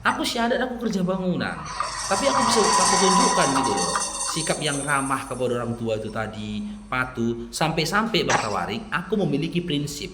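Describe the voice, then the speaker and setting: Lively Medan-accented man preaching. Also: medium pitch, brisk, echoey room, over music. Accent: Medan Indonesian. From Medan, North Sumatra. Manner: lively storyteller who acts out quoted dialogue. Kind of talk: persuasive religious talk to a listener.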